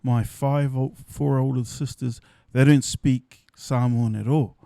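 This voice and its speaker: A middle-aged man tells his story as a podcast guest. His voice is mid-pitched and dry, recorded close with no room echo. He speaks in a relaxed, reflective way, often trailing off softly and restarting. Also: unhurried, vocal fry, clear, resonant tone. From New Zealand. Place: indoors at a company's headquarters.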